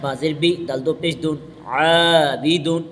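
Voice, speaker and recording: A man with an Urdu accent leads a very slow Quran reading lesson, spelling each letter with its vowel mark before joining the syllables into a stretched-out word. His voice sits a little high. It rings with a long hall reverb over faint background noise. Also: fairly even intonation.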